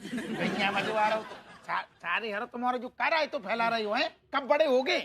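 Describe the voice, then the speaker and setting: An actor playing a gruff small-town police inspector who shouts and scolds. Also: male voice, very high-pitched, normal speed, a faint crowd, a little hiss or hum. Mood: scolding. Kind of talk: sitcom acting. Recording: loud music underneath.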